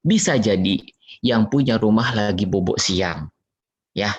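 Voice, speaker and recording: A man's voice: fairly low pitch, measured pace. A man telling a playful story lesson to children, acting out knocks and sounds with little chuckles. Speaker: children's religious teacher. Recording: dull lo-fi recording.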